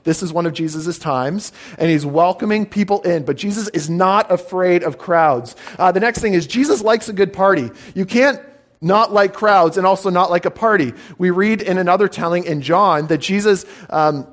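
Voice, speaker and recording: A man's voice: sits high, normal speed. A man giving an explanatory teaching sermon as a pastor. He uses fillers and checks in with the congregation by asking "okay?".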